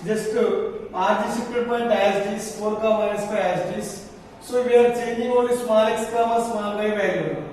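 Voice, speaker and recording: High-pitched Indian male maths teacher, very echoey. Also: steady tone, normal speed, a little mellow. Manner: repetitive step-by-step dictating, stretching key phrases; prompts listeners with questions ending in "sir". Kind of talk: classroom maths lesson. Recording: very echoey room, distant mic, faint noise.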